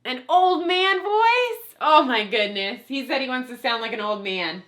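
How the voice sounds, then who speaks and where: A woman's voice: high-pitched, lively intonation, measured pace, a bit bright. A woman teacher leading children in a playful class recitation. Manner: upbeat, playful, coaxing children to chant along. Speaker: homeschool co-op teacher.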